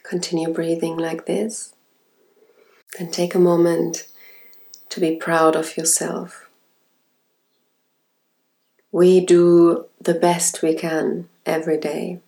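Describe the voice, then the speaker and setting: Woman, intimate ASMR relaxation host. Very unhurried, soft and soothing, with some creak in an even, lowish voice. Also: poor audio. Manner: slow, soft, sensual, soothing delivery with breathy whispered words.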